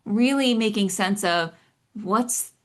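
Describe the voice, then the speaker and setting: Calm woman explaining with examples. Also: mid-range voice, slow. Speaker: podcast co-host and psychologist. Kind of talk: explanatory podcast talk.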